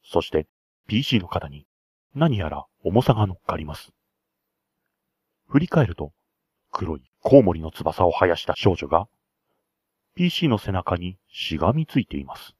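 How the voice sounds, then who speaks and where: A man's voice: low voice, big pitch swings, normal speed, long pauses, darkish tone, breathy edge, no echo, clean studio sound. A man acting as game master, narrating a tabletop role-play scenario with chatty, enthusiastic side remarks.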